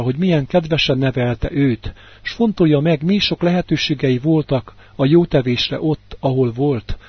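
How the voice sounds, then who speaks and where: A man's voice: medium pitch, breathy edge, no room sound. A man reading a sermon in an earnest manner, lifting his voice on key words, heard on a dull radio broadcast. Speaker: preacher.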